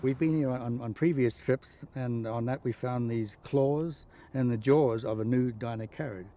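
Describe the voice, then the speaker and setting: A man explaining field findings off the cuff, halting and repeating his words as he goes. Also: medium pitch, dark tone, slight background noise. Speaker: field scientist interviewee. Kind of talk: unscripted explanation to camera.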